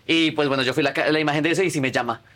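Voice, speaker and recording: A young man, telling stories as a guest in a casual interview and acting out the people in them. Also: a little high. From Colombia. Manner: animated, quick storyteller who acts out the people in his stories. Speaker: guest, video creator.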